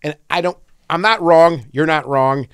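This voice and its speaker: A man's voice: fairly high pitch, a little slow, a bit bright, clear, resonant tone, no echo, studio quality. A man co-hosting a film podcast, talking in a profane, heated rant. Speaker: podcast co-host. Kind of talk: casual film chat.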